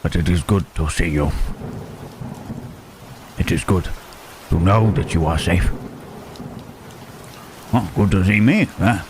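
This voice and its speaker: A man voicing Frankenstein's monster as a lonely, gentle creature who stammers and speaks formally in an ASMR roleplay. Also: deep voice, slow, pauses often, background noise. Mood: tender, shy. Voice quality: hesitant, stammering, formal speech. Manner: soft questioning tags, huh, eh, hmm. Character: lonely, gentle male monster, shy and halting. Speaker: voice actor.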